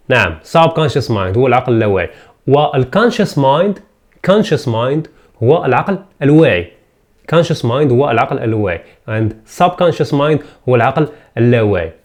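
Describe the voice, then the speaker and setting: An Algerian-accented man leads a pronunciation lesson, pitched mid-range for a man. He drills each English word over and over at a slow pace and explains in Arabic between repetitions. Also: a little mellow. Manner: repeats words slowly, switches between Arabic and English. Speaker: English teacher.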